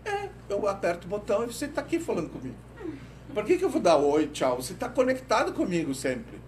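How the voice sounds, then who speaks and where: A man's voice: sits high, big pitch swings, fairly quick, darkish tone, a little hiss or hum, voice pushed up. A man quoting his grown son, who sounds offhand and matter-of-fact, recorded from afar in an echoey room. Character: young adult son, casual and unbothered. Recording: roomy, distant lecture recording.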